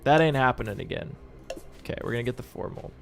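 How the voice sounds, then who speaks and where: A man hosting a live stream of a board game, commentating as he plays and bursting into shouts and laughter. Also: medium pitch, expressive, fast talker, creaky, a little hiss or hum. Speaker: streamer and channel host.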